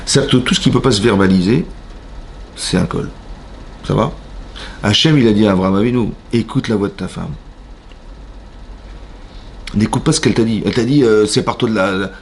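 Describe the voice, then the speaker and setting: Gravelly-voiced French rabbi teaching a class. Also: male voice, lowish voice, slight background noise. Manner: animated, asks the audience questions, acts out voices. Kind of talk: lively Torah class. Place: synagogue hall.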